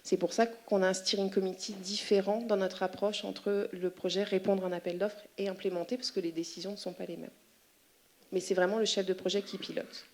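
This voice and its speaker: A woman giving an explanatory presentation to a professional conference, in a medium-pitched voice. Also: level tone, fairly quick, darkish tone. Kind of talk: explanatory presentation with questions and answers.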